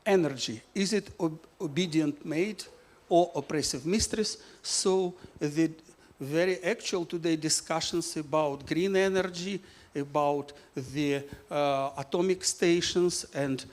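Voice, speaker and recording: A Ukrainian man gives a talk about the physics book he wrote, his slightly high voice stumbling through non-native English. He keeps stopping on "uh" fillers as he hunts for the right words.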